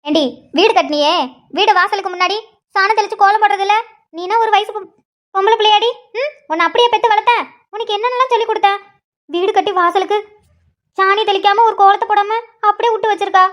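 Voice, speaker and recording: A woman's voice: extremely high pitch, steady tone, quick pace, fairly bright tone. A woman voicing a preachy village mother who scolds her grown daughter. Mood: nagging. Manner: nagging, preachy.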